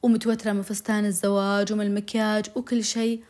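Brief: young woman, rapid dramatic storytelling, emotional, mid-pitched. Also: little pitch movement, a little mellow. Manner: emotional, breathless retelling with oaths and direct appeals to listeners. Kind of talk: dramatic first-person storytelling to viewers.

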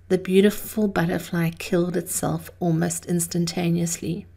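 A woman hosting an inspirational series, delivering a scripted monologue in a theatrical, measured way with drawn-out emphasis. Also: mid-range voice, gravelly, darkish tone. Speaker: host of a daily inspirational series.

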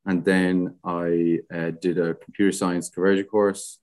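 A young man with a west of Ireland accent, talking casually and haltingly as an interview guest. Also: low-pitched, little pitch movement, a little mellow. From Galway, west of Ireland. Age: young adult. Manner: hesitant, halting, frequent "like". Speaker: podcast guest, student society president.

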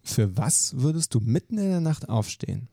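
A man hosting a podcast, firing off quick questions in a lively, brisk way. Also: medium pitch, gravelly, no echo. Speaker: podcast host. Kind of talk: quick-fire question interview.

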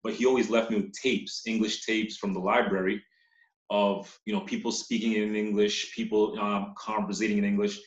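In a muffled, echoey recording, a low-voiced man speaks at a moderate pace with a level tone. He is a company CEO and interview guest telling casual stories, a Ugandan who relocated to Massachusetts in childhood.

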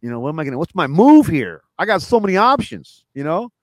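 A man who is a comedian and home cook, a guest in a casual interview, rambling fast with lots of fillers. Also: a little high, sing-song, no echo.

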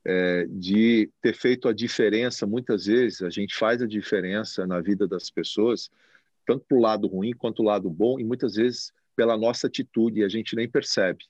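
A man who manages a TV station, answering interview questions in a reflective, expressive way and gesturing as he talks, recorded in a TV recording studio. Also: on the low side, no echo, dull audio. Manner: expressive, speaks with his hands.

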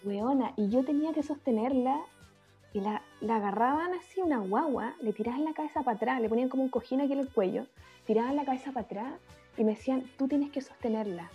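A woman's voice: sits high, fast. A Chilean mother chatting casually in a frank, emphatic, slang-heavy way. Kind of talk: casual chat. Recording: dull lo-fi audio with faint music.

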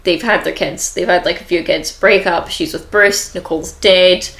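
A woman's voice: on the low side, fairly even intonation, moderate pace, fairly bright tone, echoey room. A woman co-hosting a podcast, chatting casually and laughing often as she recaps a reality show. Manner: laughs often, acts out quotes. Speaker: podcast co-host.

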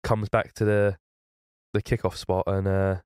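Young man, calm explainer, smooth clear voice, lowish. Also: a little slow, no room sound, studio quality. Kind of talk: casual chat, recapping a trip.

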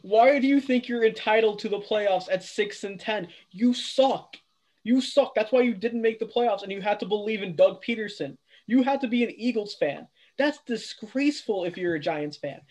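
Young man, high voice, podcast co-host, mocking, indignant. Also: normal speed, darkish tone, rough recording. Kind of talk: casual sports chat.

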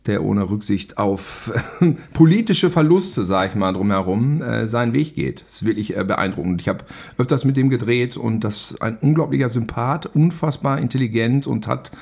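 Here the film director and radio play writer sounds medium-pitched and animated at normal speed, his creaky, darkish voice carrying a breathy edge. As a podcast guest he rambles casually through self-deprecating anecdotes.

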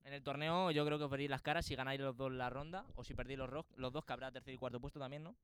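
A man's voice: mid-range voice, fairly even intonation, very fast, fairly bright tone. Young man, noisy background. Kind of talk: casual mock interview among friends.

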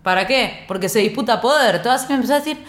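A woman with an Argentine Rioplatense accent, co-hosting a casual podcast chat in a blunt, expressive way with plenty of swearing. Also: fairly high pitch, very fast. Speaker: podcast co-host. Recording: roomy echo.

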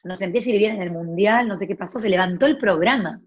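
Woman, forties, Rioplatense Argentine accent, husky voice, chatty storyteller, dull lo-fi sound. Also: medium pitch, fast talker. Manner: chatty, many restarts and asides. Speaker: actress guest. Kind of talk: casual storytelling chat.

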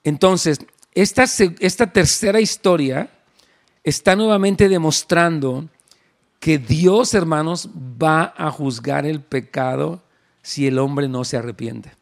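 Man, preacher, high-pitched, chatty storytelling sermon. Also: slow pace, vocal fry. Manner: conversational storytelling, addresses listeners as brothers. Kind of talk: sermon, Bible teaching.

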